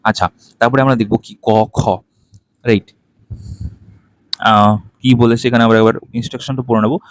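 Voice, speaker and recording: A man, walking through a textbook page in a lesson, ending nearly every point with a quick tag question and counting items aloud. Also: mid-range voice, fairly even intonation, dry recording. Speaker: teacher.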